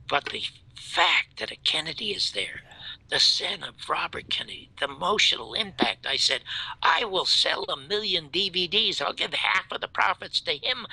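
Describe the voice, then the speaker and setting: Older man, talk host, animated storytelling, sharp gravelly voice, dry close recording. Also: no echo, low-quality recording. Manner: emphatic, acts out quoted dialogue, swings from loud outrage to low hush. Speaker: show host telling a story.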